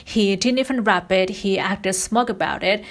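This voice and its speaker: A woman's voice: medium pitch, moderate pace. A woman narrates a scripted video essay in a mid-range voice. Her delivery is critical and pointed, picking apart what she describes. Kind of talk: scripted commentary.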